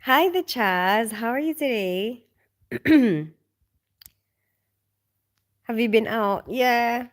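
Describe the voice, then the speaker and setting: Here a woman from the Philippines, her voice fairly high and animated, speaks very slowly and pauses often. It's night and she's streaming casually from home, reading out viewers' comments. Her chatter is full of ums and small laughs, and she comes across as sleepy and worn out.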